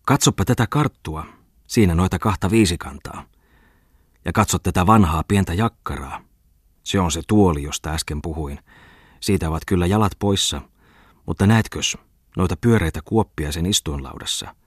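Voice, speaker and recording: A man's voice: low voice, animated, pauses often, slightly rough, dry recording, clean studio sound. A man voicing Bungman, a jovial, boastful male collector, in an audiobook reading.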